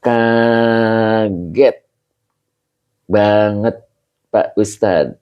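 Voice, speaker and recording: A man's voice: lowish voice, fairly even intonation, extremely slow, clean tone, muffled recording. A man with an Indonesian accent, a religious teacher casually greeting viewers of his live stream and reading their comments aloud with frequent chuckles.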